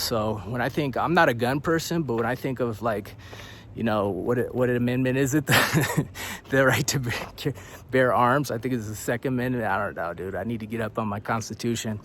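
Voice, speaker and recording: A man's voice: mid-range voice, brisk, slight background noise. A young man living abroad, talking casually to camera in a vlog, rambling, swearing and laughing between points, a bit out of breath. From United States.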